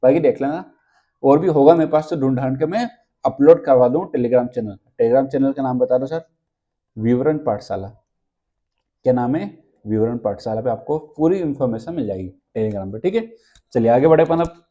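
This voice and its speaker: A man's voice: mid-range voice, moderate pace, mellow, dull audio. Man drilling exam facts. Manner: asks questions then answers them himself; repeats key points, drills with mnemonics. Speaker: teacher. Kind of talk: exam-prep lesson.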